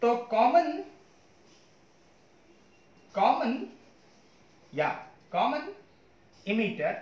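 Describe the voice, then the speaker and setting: Echoey physics teacher lecturing. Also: male voice, very high voice, sing-song, drawn-out words, a little mellow, dull audio. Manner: mixes English terms into Hindi, asks students questions often. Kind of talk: classroom lecture. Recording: echoey room.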